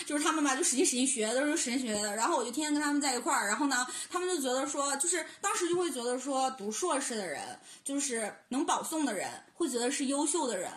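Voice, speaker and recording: A woman's voice: sits high, a bit bright. A young adult woman co-hosting a casual podcast chat, rambling and laughing between her points. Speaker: podcast co-host. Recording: roomy echo.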